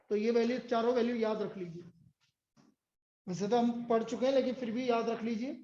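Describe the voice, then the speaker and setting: A stern male teacher lecturing a room of students, firing questions and answering them himself. His voice is warm and low in brightness, and the muffled, dull recording carries the roomy echo of the classroom. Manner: stern, scolds latecomers. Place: indoor classroom.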